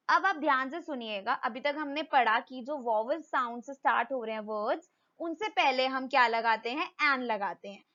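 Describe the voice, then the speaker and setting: A woman's voice: high voice, pushed and bright, muffled recording. A woman with an Indian accent teaching English grammar, mixing Hindi and English and asking the class questions that she then answers herself. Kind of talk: explaining grammar in a video lesson.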